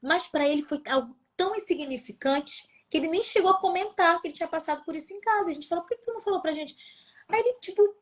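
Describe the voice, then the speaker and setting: A Brazilian woman in her thirties with a Brazilian Portuguese accent, chatting on a live stream and telling family stories in a lively way. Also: extremely high pitch. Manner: chatty storyteller, quick and animated. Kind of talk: casual live chat.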